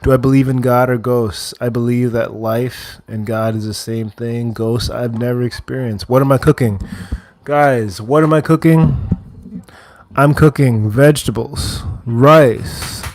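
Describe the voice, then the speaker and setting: A man hosts a relaxed livestream from a kitchen while he cooks. His voice sits in a middle register, and he talks in an easygoing way as he reads viewer comments aloud and answers them one by one. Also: mid-range voice, measured pace. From Wheaton, Illinois, USA. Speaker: livestream host. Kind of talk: casual livestream chat while cooking. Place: kitchen, indoors.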